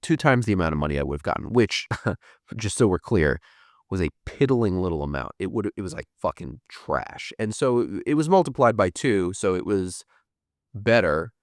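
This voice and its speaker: This thirty-something American podcast host keeps things casual and rambling while going through viewer comments, cursing offhand along the way. His low voice is animated, at a moderate pace. The audio is clean studio sound without any room tone.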